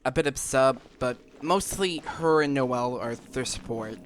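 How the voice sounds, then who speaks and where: Video game music runs under this man's voice as he hosts a gameplay video, rambling casually and musing aloud. He speaks in a mid-range voice at a measured pace, with slight background noise.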